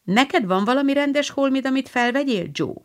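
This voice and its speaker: A woman's voice: sits high, expressive, voice pushed up. A woman voicing a fashion-minded older teenage sister in a fretful, prim manner.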